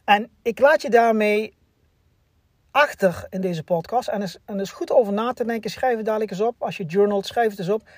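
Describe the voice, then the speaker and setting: A man's voice: high-pitched, normal speed, no echo, clean studio sound. A man hosting a personal development podcast, talking earnestly with many restarts and fillers. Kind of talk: motivational podcast monologue.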